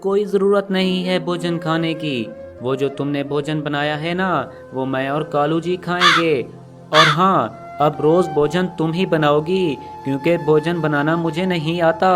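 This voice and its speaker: A man's voice: fairly high pitch, fairly even intonation, unhurried, music in the background, close to an everyday voice. A man voicing a cruel, arrogant young female crow who taunts and bosses her mother-in-law. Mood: scornful. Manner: scornful, bossy and taunting.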